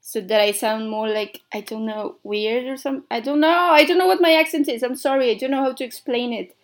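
Her voice runs high and fairly quick as this young native Spanish speaker from Mexico rambles on her laid-back radio show. She leans on "like" and "I don't know," with an accent that mixes Mexican and American English.

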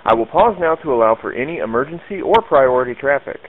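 A man's voice: mid-range voice, lively intonation, fast. A man running an amateur radio net in a formal, methodical way, spelling call signs phonetically, heard through a radio transmission. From Arkansas. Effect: heard over a narrow-band radio link. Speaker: net control operator.

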